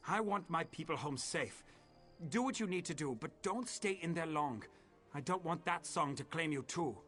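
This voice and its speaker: Game NPC: gruff mine boss, grumbling and blunt, fairly high voice. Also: male voice, expressive, normal speed, fairly bright tone, soft background music. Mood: worried. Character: weary, gruff male mine foreman. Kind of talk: video game dialogue.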